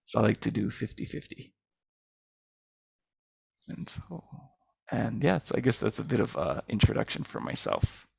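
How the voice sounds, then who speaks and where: Gravelly man explaining, close and dry. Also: on the low side, sing-song, moderate pace, pauses often, dry recording. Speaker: business coach for school owners. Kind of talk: informal self-introduction in a group discussion.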